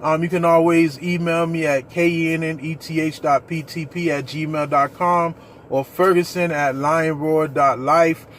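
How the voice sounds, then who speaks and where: A man's voice: on the high side, steady tone, unhurried, fairly bright tone, slight background noise. A man leading a ministry, talking earnestly and preacherly straight to his viewers about his own experience. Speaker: ministry leader. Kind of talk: personal testimony vlog.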